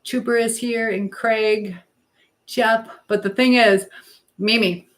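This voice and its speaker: She's the chatty American woman you'd hear on a casual evening livestream, cooking at her home kitchen counter and greeting regulars by name. Her voice is on the high side and steady, and she takes it slowly as she reads out and answers viewer comments.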